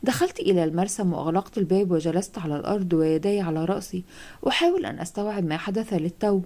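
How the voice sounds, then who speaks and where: A woman narrating a first-person horror audiobook, reading steadily with hushed asides. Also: on the low side, animated, rapid-fire.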